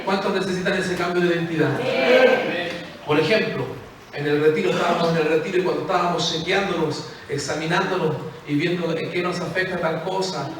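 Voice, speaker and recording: A male pastor preaching a passionate sermon, swinging from loud pleading to quiet, low confession. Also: fairly even intonation, a little fast. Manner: impassioned preaching, rising to shouts then dropping low. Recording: echoey hall, mic at a distance, faint noise.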